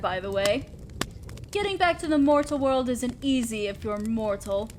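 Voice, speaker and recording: A woman with a distinctly high, feminine voice plays an imperious demon lord of hell in a scripted audio drama roleplay monologue. She is commanding, condescending, impatient and bossy, an exacting boss. Clear background noise and ambience sit behind her.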